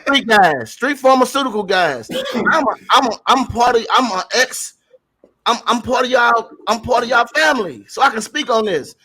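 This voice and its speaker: At a normal speed and in a very high, sharp-toned voice, a male co-host preaches his opinions to the other hosts and the audience. His casual rant is full of colloquial street talk, repetition, and frequent mild curses.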